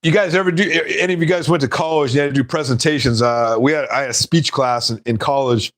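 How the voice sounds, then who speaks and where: A man's voice: medium pitch, quick pace, a bit bright. A man hosting a casual live stream, rambling and laughing at his own stories.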